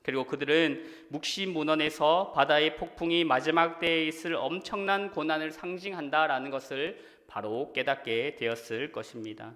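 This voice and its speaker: A male pastor preaching a sermon earnestly, rising in force on his questions and falling quiet at the ends of sentences. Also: on the high side, steady tone, normal speed, hardly any pauses, big-room sound. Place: church sanctuary.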